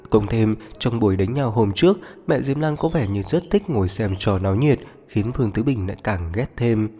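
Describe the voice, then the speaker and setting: A man reading a novel aloud as narrator at a steady pace. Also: on the low side, normal speed. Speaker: audiobook narrator. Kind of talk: scripted narration. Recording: muffled reverberant audio, faint music.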